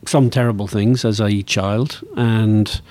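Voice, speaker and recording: Speaking slowly in a lowish, rather dark voice with a steady tone, this sixty-year-old motor racing executive from Northern Ireland reflects with enthusiasm as an interview guest. The recording is dry.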